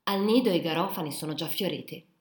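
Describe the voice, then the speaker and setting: Woman voicing idle rich farm daughter, offhand and languid, soft, echoey audiobook. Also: fairly low pitch, fast, natural voice. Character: young woman, spoiled landowner's daughter, idle.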